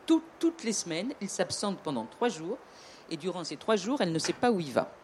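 A woman's voice: lowish voice, very animated, brisk, a little mellow, a little hiss or hum. A woman with a southern French accent telling an old tale in a casual, hesitant way, with many fillers, restarts and joking asides. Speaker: storyteller. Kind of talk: casual storytelling talk.

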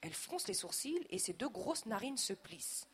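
Lady reading a kids' story aloud, lively and expressive. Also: medium pitch, normal speed, a little hiss or hum. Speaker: narrator. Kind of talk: audiobook narration of a children's story.

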